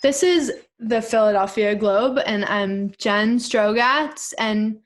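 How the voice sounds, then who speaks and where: A woman's voice: a little high, takes it slowly. A young woman hosting a casual video interview, bubbly and teasing, laughing often. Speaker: host.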